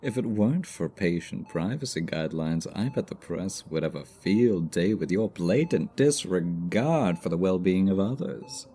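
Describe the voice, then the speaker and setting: A man's voice: sits low, expressive, moderate pace, hardly any pauses, mellow, slight background noise. A man acting a smug, flirtatious supervillain in a hospital ASMR roleplay, teasing and theatrically sarcastic. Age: 20s.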